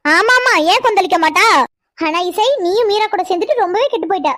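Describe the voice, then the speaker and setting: A woman voicing a busy, kindly middle-aged village aunt in a cartoon, brisk and teasing. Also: extremely high pitch, expressive, fairly bright tone, no echo. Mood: motherly. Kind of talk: cartoon voice acting.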